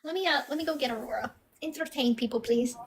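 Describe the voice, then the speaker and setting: A woman's voice: high voice, fast talker. A young woman hosting her own livestream, chatting in a bubbly, friendly way. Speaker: livestream host. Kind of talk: casual livestream chat.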